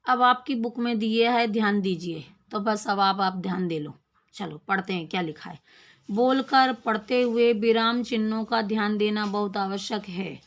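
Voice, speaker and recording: A woman teaching a grammar lesson, explaining slowly, repeating phrases and asking questions of her class. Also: medium pitch, lo-fi sound.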